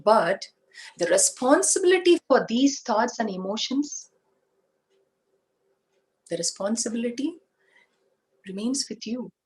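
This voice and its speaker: Slow-speaking Indian woman teacher. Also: a little high, expressive, a little mellow, poor audio. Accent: Indian English. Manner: slow, explaining with examples and rhetorical questions. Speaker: spiritual teacher. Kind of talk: spiritual talk.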